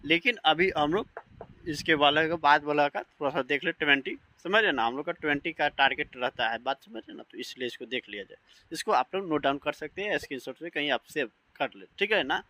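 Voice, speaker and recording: A man's voice: a little high, lively intonation, a little fast, pushed and bright, no echo, poor audio. A man teaching English vocabulary in an online lesson, spelling words out letter by letter and often checking that his students follow.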